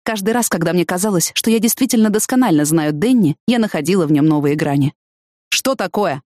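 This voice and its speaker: A woman reading a first-person audiobook narration in an even, measured storytelling manner. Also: on the low side, no room sound, studio quality.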